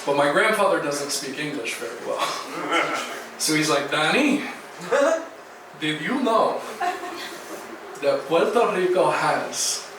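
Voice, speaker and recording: In a small comedy club, a male stand-up from Jacksonville, Florida jokes at his own expense with chatty, conversational punchlines. His slightly high voice is expressive and slow, with many pauses, and the noisy, echoey audio is captured from far away.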